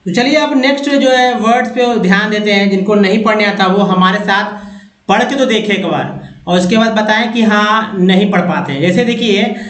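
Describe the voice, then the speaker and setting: A man teaching pronunciation, reading English words slowly one by one and repeating each. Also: high-pitched, fairly bright tone, echoey room, poor audio. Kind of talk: pronunciation lesson.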